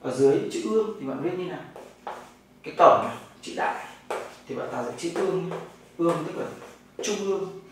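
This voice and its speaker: A man's voice: a little high, expressive, fairly quick, long pauses. A man from Vietnam with a Northern Vietnamese accent, teaching a classroom language lesson, explaining step by step and answering his own questions. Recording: very echoey room, mic far off, noisy.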